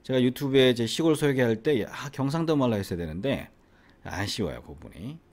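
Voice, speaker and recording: A middle-aged man with a faint trace of a Gyeongsang accent talks straight to the camera as an English academy teacher. His voice sits at an ordinary middle pitch, but his intonation rises and falls a lot. He keeps asking the viewer questions as he makes his points. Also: lively intonation, a little fast, a little mellow. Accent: faint Gyeongsang Korean. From Gyeongsang region, South Korea. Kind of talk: casual educational monologue to camera.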